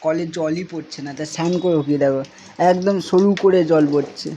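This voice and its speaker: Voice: mid-range voice, normal speed. A vlogger, talking casually to the camera outdoors and grumbling about the heat. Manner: talks a little softly beside the road. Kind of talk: casual vlog talk to the camera. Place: outdoors around home and street. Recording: noisy outdoor phone audio.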